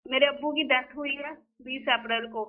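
Over a crackly, unclear phone line, a woman calls in to a spiritual guide, speaking earnestly and pleadingly and often repeating herself. Her voice is high, with a steady tone at normal speed.

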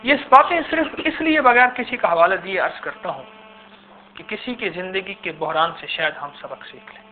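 A man with a high voice delivers a fervent sermon, dropping low before swelling into loud emphatic lines. The sound is thin and phone-like. A faint hum runs underneath. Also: expressive, moderate pace. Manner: impassioned, swings between hushed and loud. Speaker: preacher. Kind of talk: Urdu-flavored religious sermon. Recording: tinny phone-like recording with hum.

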